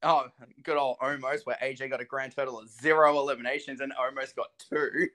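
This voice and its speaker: A man co-hosting a casual podcast chat, excitable and animated, laughing often. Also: mid-range voice, brisk. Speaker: podcast co-host.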